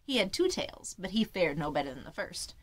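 A woman reading classic fairy tales aloud in a measured, unhurried storybook manner. She narrates scripted text as an author-reader, steady and even. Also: lowish voice.

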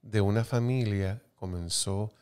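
Deep-voiced male interviewer. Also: measured pace, darkish tone, clear, resonant tone. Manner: responsive, brief reactions and reflections. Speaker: interview host. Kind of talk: casual interview.

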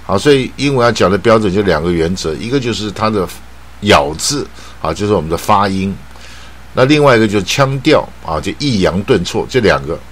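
A man with a Taiwanese Mandarin accent teaching an English pronunciation lesson, drawing out model words slowly and dotting his talk with filler particles. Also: on the low side, animated.

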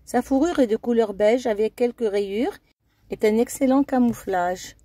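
Mellow-voiced woman reading a documentary. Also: a little high, normal speed, dry recording. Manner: steady reading with occasional slips. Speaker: narrator of a documentary-style video. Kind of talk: scripted narration.

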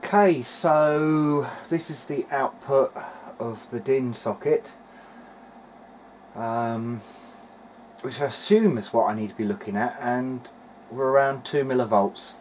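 A hobbyist presenter narrates an electronics repair for his video diary as he works, casually technical and thinking aloud a little hesitantly. His mid-range voice is a little mellow, with a slight hiss or hum in the recording.

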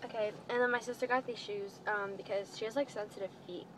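A teenage girl vlogger chats casually to the camera from inside a parked minivan, showing off a clothing haul. Her mid-range voice is fast and fairly even in intonation, and the phone-style recording is noisy from the car.

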